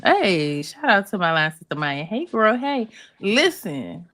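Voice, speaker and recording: A woman co-hosting a podcast, telling a story in a casual chat with emphatic, animated delivery. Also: medium pitch, unhurried. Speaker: podcast co-host.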